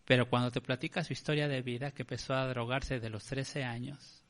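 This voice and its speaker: A Mexican man preaching with a rough, gravelly edge to his mid-pitched voice. He tells the story in a relaxed, chatty way, like he is talking to a friend. He keeps calling the congregation "brother". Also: brisk. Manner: conversational, addresses listeners as brother. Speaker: pastor. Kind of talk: storytelling sermon.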